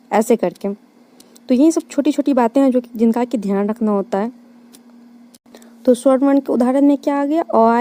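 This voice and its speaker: A woman's voice: high voice, mellow. A woman teaching Hindi grammar in an online exam-prep lecture, explaining step by step and answering her own questions.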